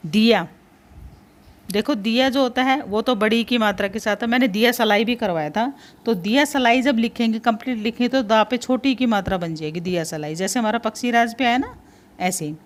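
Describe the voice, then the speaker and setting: Patient woman teaching spelling. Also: on the high side. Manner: patient, spells words out slowly, repeats key points. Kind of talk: spelling lesson for exam prep.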